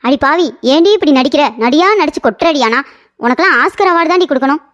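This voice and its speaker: A woman voicing a sharp-tongued young wife in a cartoon, answering back quickly. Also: high-pitched, music in the background, lightly acted. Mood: indignant. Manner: mouthy, quick retorts.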